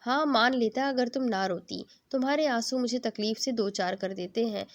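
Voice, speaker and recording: A possessive, tender jinn lover, a young man who turns harsh when he feels helpless, read by a woman in her own fairly high voice. The lines come softly and intimately, from a storybook reading. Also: no echo, lightly acted.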